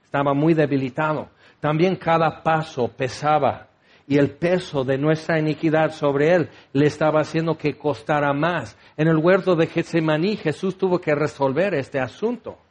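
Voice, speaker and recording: A man's voice: a little high, moderate pace. A man preaching a sermon, teaching with rhetorical questions and acting out the voices he quotes.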